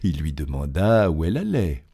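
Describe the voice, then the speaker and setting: A man reading a classic fairy tale aloud with slow, expressive storytelling. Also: a bass voice, slightly rough.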